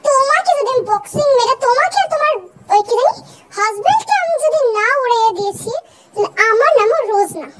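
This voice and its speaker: A hot-tempered young ex-girlfriend, played by a woman in a comic fan dub. Her very high voice throws out rude threats and insults. A faint hiss runs under it. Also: animated, quick pace, a bit bright. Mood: furious.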